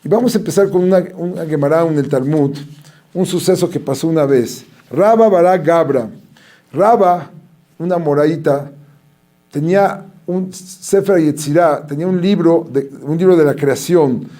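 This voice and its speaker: A man's voice: fairly high pitch, moderate pace. A man giving a rabbi's Torah lecture, telling stories and acting out the voices of the people in them. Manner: animated storytelling, acting out quoted voices.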